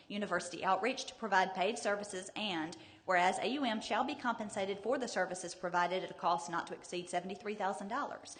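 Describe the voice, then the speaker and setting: A woman, a city councilor, formally reading out a resolution. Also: medium pitch. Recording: reverberant meeting hall.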